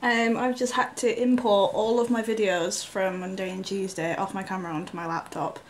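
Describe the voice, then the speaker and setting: A woman's voice: mid-range voice, steady tone, normal speed, a little hiss or hum. A woman in her twenties talking casually to her camera at home, rambling and giggling. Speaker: vlogger. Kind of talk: casual vlog chat. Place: at home indoors. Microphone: handheld camera.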